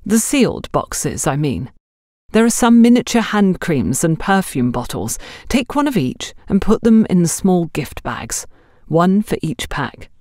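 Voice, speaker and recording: Recorded close and dry, a woman narrator voices a demanding female boss in an audiobook drama, giving instructions curtly and with authority. Her lowish voice is warm, very animated and unhurried, with intonation that rises and falls sharply.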